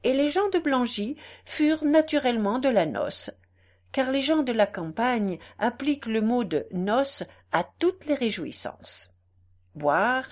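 Sex: woman. Role: audiobook narrator. Style: scripted narration of a classic novel. Delivery: expressive, measured, lively pitch.

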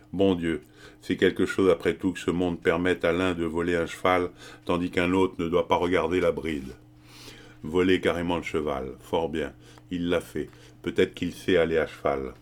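A man reading a literary novel aloud as an audiobook narrator, in a measured, even storytelling manner. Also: deep voice.

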